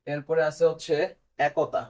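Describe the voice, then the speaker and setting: A man's voice: fairly high pitch, completely flat delivery, moderate pace, a little mellow. A man teaching a pronunciation lesson step by step. He speaks Bengali with a Bangladeshi accent, asks his students questions and then answers them himself.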